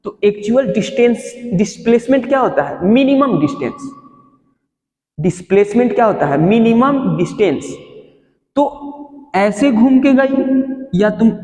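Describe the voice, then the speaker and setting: Man teaching physics, fairly high voice, echoey classroom, muffled sound, keeps asking questions. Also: darkish tone. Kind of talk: classroom lesson. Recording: echoey hall, dull sound.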